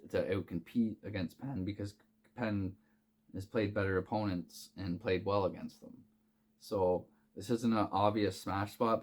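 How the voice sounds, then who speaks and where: Casual male sports bettor, lowish voice, loose and profane, filler-heavy delivery. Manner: rambling, profane, many fillers and restarts. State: hiccuping. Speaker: sports betting picks host. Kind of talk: casual unscripted sports betting talk.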